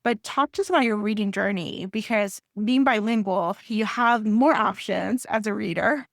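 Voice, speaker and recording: A middle-aged Puerto Rican woman hosts a book podcast, chatting enthusiastically in a casual interview and rambling a little. Her mid-range voice is gravelly and moves at a moderate pace, captured in a dry, clean studio recording.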